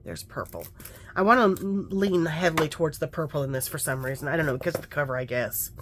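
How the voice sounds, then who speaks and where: A woman's voice: deep voice, lively intonation, quick pace, noisy background. A woman chatting casually while working on a craft journal, telling stories and muttering to herself over her work. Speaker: craft vlogger.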